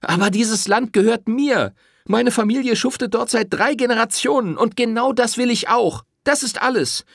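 A man's voice: extremely high pitch, moderate pace, vocal fry, fairly bright tone, no echo, clean studio sound, pitched above the performer's own voice, heavily acted. A man voicing a fierce, defiant young woman farmer in an audiobook reading, speaking in an indignant, proud manner.

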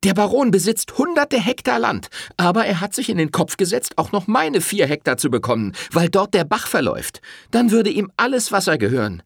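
A man's voice: high voice, very animated, a little fast, gravelly, hardly any pauses, slightly rough, no echo, studio quality, pitched above the performer's own voice, full character voice. A man voicing a fierce, defiant young woman farmer in an audiobook reading, speaking in an indignant, proud manner.

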